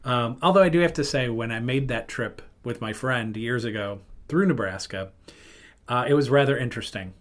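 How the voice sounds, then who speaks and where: A man's voice: medium pitch, moderate pace, a bit bright. A middle-aged man hosting a podcast, telling a rambling, self-interrupting road-trip story in casual chat. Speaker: podcast host.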